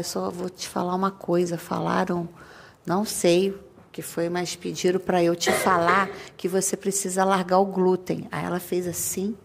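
A woman's voice: mid-range voice, creaky. A woman chatting in a group, telling a personal story with hesitant restarts. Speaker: medium sharing an experience.

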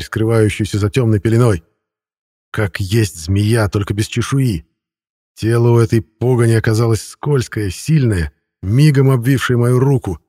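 A man's voice: fairly low pitch, mellow, no echo, studio quality. A man narrating a first-person audiobook in a wry, conversational storytelling manner.

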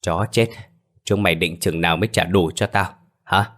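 Casting: a man doing a brutal old landlord, low and coarse, barking orders in an audio story. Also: steady tone, moderate pace, a bit bright. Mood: contemptuous. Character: cruel greedy old male moneylender landlord.

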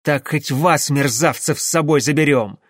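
Man doing a frantic shouting engineer. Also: a little high, moderate pace, dry recording, studio quality. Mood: furious. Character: desperate wounded male engineer, furious and hysterical.

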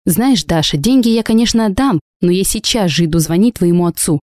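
A woman's voice: on the low side, brisk, no echo, clean studio sound, lightly acted. A woman doing an indignant protective friend. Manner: indignant, sharp.

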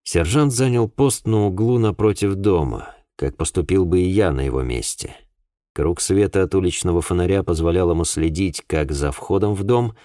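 Deep-voiced male audiobook narrator. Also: warm tone, no room sound, studio quality. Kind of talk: scripted first-person narration.

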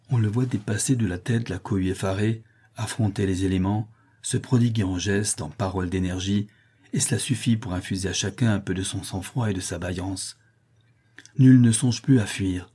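A man's voice: on the low side, dark tone, slightly rough. A man reading a novel aloud as an audiobook, in a dramatic storytelling delivery. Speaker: audiobook reader. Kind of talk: scripted narration.

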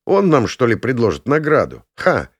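A man's voice: medium pitch, huge pitch swings, normal speed, dry recording, studio quality. Sardonic male fantasy audiobook narrator. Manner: sardonic and crude.

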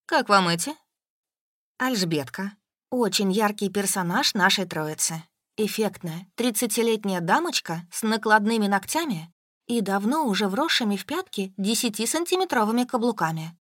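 A woman narrating a first-person audiobook in a wry, even storytelling manner, close to the mic. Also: mid-range voice, normal speed, no echo.

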